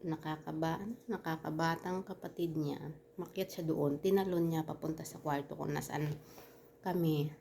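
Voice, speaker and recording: A woman telling a personal story in casual storytime style, halting with many restarts and fillers, earnest and turning heated at times. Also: deep voice, vocal fry, mellow, slight background noise.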